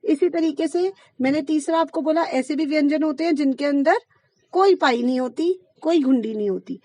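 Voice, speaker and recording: A woman teaching a Hindi grammar lesson, who explains slowly, draws out the sounds she teaches and checks in with her students. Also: high voice, warm tone, no room sound. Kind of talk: classroom lesson.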